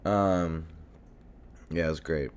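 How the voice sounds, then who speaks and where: Hoarse from a cold, this young podcast host has a very deep, chesty, congested voice and coughs as he goes. He takes his time in an even, steady way, rambling loosely with frequent ums and plenty of swearing. A desk mic by his home computer picks up a faint hiss or hum.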